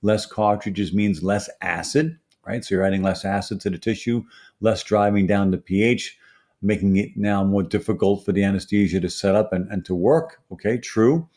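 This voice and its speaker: Low-voiced Brooklyn man explaining like an expert. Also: normal speed, dark tone. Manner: emphatic teacherly delivery with frequent tag questions like "right" and "okay". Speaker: dental pharmacology expert guest.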